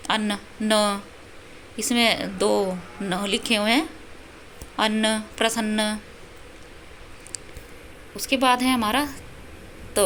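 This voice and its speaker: Female teacher, patient explainer, slightly high voice, light background hiss. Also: a bit bright. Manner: patient explaining, spelling out syllables. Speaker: Sanskrit teacher. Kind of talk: self-study lesson.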